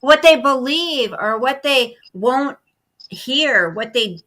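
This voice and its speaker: Woman, middle-aged, bright voice, emphatic, indignant, casual talk-show chat. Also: high voice, expressive, slow, rough recording. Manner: emphatic, indignant, repeats phrases. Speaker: co-host. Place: at home, live stream.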